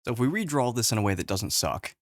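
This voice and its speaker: A man's voice: mid-range voice, very animated, fast talker, no room sound, studio quality. A man casually explaining tech on a whiteboard, exasperated and profane, recorded on a webcam. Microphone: webcam with face overlay.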